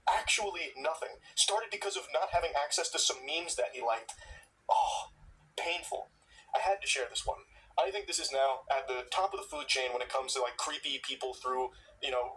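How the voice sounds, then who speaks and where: A man delivers sarcastic, incredulous reaction commentary and swears freely. His voice is a bit high and bright. The mic sits at a distance, with faint noise behind. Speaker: commentary channel host. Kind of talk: reaction commentary on text messages.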